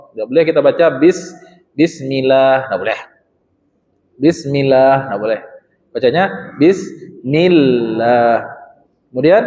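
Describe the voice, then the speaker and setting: Speaking with a slightly high, slightly mellow voice, this religious teacher gives a Quran recitation lesson to a study circle in a mosque hall. He stretches recited phrases out slowly to demonstrate them and tests his listeners with questions. The sound is dull and echoes through the hall.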